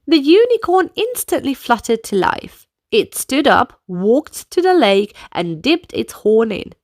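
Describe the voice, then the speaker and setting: A woman whose voice is fairly high and very animated reads a children's storybook and leads young listeners through dance moves, going a little slowly. She is instructive and clearly paced, in a studio-quality recording without echo.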